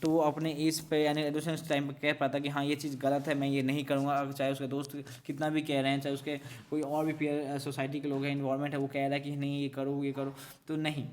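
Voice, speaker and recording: A man's voice: on the high side, monotone, quick pace, a little mellow, a little hiss or hum. A man teaching a revision lecture for teacher-training exams, explaining step by step and mixing English terms into his talk.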